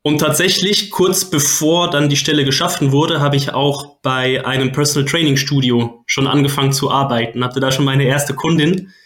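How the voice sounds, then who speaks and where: A man from Switzerland, a guest coach, answering interview questions in a relaxed way, laughing often and tagging "ne?" onto his sentences. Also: medium pitch, moderate pace, hardly any pauses. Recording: echoey room.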